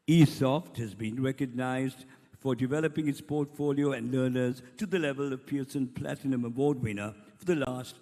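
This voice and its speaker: A man's voice: medium pitch, darkish tone. A man with a Sri Lankan accent speaking formally as master of ceremonies, making scripted announcements at a ceremony. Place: large hall, over a PA system. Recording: echoey hall with long reverb.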